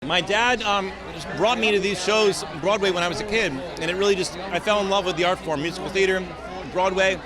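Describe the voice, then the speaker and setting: A man's voice: sits high, steady tone, brisk. A man speaking in a red carpet interview. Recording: busy outdoor crowd noise.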